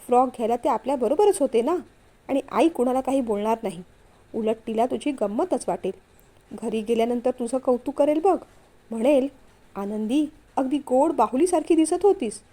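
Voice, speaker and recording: A man's voice: extremely high pitch, moderate pace, mellow. A woman voicing an affectionate, playful young husband who teases and coaxes his wife, read aloud as a story. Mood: coaxing. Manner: teasing, coaxing.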